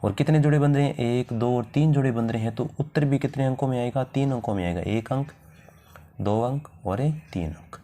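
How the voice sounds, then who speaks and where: Male tutor, warm low tone, rhetorical question-and-answer teaching style. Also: fast talker, few pauses. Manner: asks questions to the viewer and answers them himself. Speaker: math teacher. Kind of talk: step-by-step math lesson.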